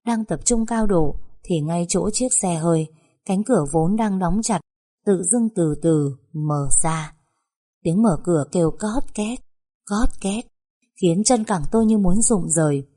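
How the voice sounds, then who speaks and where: A woman's voice: fairly low pitch, unhurried, warm tone. A woman narrating a story in the first person, recounting in a tense, breathless way.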